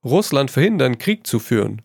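A man's voice: medium pitch, normal speed, creaky, slightly rough, dry recording, clean studio sound, voice pushed up, heavily acted. A man reading a story aloud, voicing a witty, worldly painter who teases his friend and tosses in French phrases. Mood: teasing. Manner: lively, amused, tossing in French phrases. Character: witty amused male painter, worldly and teasing.

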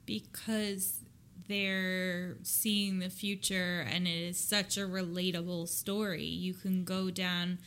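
Woman, bright tone, slow flat delivery, casual podcast chat. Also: fairly low pitch.

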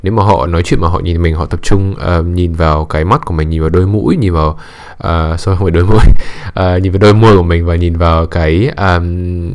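Man, very low pitch, casual advice monologue, measured, frequent hesitant fillers, occasional English words. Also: steady tone. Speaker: dating and communication advice speaker.

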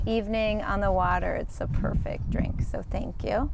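A woman's voice: mid-range voice, fairly even intonation, normal speed, creaky. A woman co-hosting a casual, tipsy, sweary podcast chat, recorded out on a boat. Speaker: podcast co-host, ceramic artist. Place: outdoors on a boat on a lake. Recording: noisy outdoor recording on a boat. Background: faint boat and outdoor noise.

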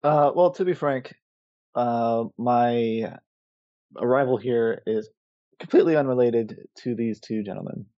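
A man's voice: mid-range voice, measured pace, mellow, lo-fi sound, natural voice. A man voicing a sarcastic male assassin on the run in a tabletop game, talking bluntly.

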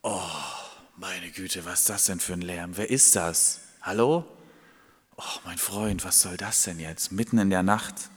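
A man acts out an irritated man woken in the middle of the night, scolding his friend in a low voice. He sounds grumpy and fed up. The voice rings in a large, reverberant hall. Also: fairly even intonation, measured pace, breathy edge. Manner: irritated, scolding, hushed at times.

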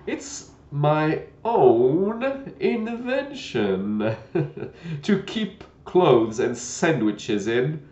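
A man voicing a gentle, fussy old knight who talks loudly and fretfully. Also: a little high, sing-song, very slow, voice pushed up, exaggerated voice. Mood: fussy eager. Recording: dull lo-fi roomy recording.

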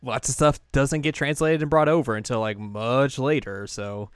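Young male podcast host, relaxed rambling delivery, smooth voice, dry close mic. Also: mid-range voice, normal speed, no echo. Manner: laid-back, rambling with fillers and laughs. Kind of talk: casual podcast chat.

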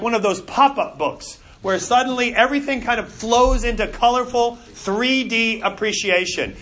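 A middle-aged man leads a Bible class in a high, bright voice. He talks in a lively, conversational way and often repeats a word before he carries on. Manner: animated and conversational, with frequent repeated words. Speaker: Bible teacher. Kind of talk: classroom lecture.

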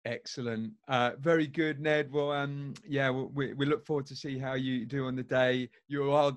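A man's voice: medium pitch, level tone, moderate pace. A man hosting a casual interview, asking questions with many ums and restarts. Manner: hesitant, full of ums and restarts. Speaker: host, interviewer.

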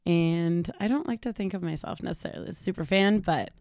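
A woman from Toronto, a guest on a casual podcast interview, upbeat and quick to laugh. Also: fairly low pitch, a little mellow, no echo, clean studio sound. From Toronto, Canada.

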